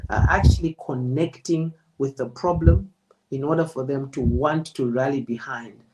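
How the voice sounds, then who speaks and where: A man giving a presenter spoken feedback as a public speaking coach, in a measured, emphatic, deliberate way. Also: mid-range voice, noisy background.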